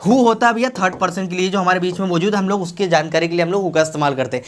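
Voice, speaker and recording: A man's voice: high-pitched, rapid-fire. A man teaching English grammar with an Indian accent. He repeats each practice sentence several times, then asks the class questions and answers them himself.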